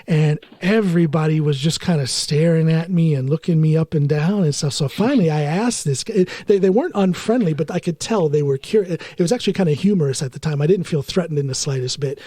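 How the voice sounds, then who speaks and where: A man from the United States talks in a soft-spoken, easygoing way as he hosts a conversational interview. He tells stories at a relaxed pace and chuckles easily. His voice is warm and mellow, a little higher than most men's, with a dry, close sound. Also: fast talker, hardly any pauses, no room sound. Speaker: podcast host.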